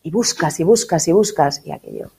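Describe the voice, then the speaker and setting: A woman leads a faith course in a relaxed, conversational way. Her voice sits a little low, and she talks in lively runs, often checking in with her listeners. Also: fairly quick, slightly rough. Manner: lively, conversational, tags phrases with "¿no?". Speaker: catechism course teacher. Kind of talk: casual spiritual talk.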